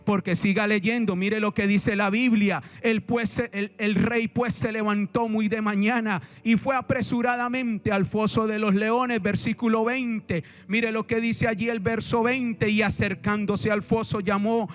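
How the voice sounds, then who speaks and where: A man's voice: sits high, fairly even intonation, measured pace, hardly any pauses. A man with a Colombian Caribbean Spanish accent, preaching a sermon as pastor, emphatic, repeating lines and asking the congregation questions.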